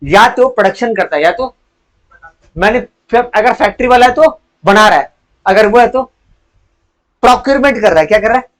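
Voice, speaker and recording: A young male teacher with a high voice runs a lively commerce lesson. He fires quick questions at the class and answers them himself, dropping English terms into his talk. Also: poor audio. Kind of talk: live class lecture.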